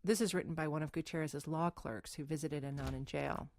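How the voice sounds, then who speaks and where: Female journalist narrator, low register, measured and wry, scripted podcast read. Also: steady tone, background noise.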